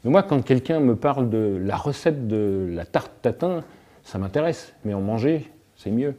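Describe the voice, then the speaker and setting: A man's voice: mid-range voice, animated, normal speed, mellow. A man speaking as an interview guest, an alchemist and author, musing reflectively and using everyday anecdotes to make his points. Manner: reflective, illustrates points with everyday anecdotes, tags phrases with "hein". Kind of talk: reflective philosophical talk.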